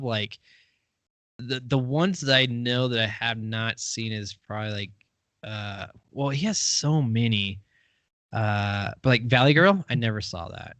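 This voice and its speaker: Rambling, animated male podcast host. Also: mid-range voice, no echo. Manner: rambling, lots of fillers and laughs. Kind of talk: casual chat.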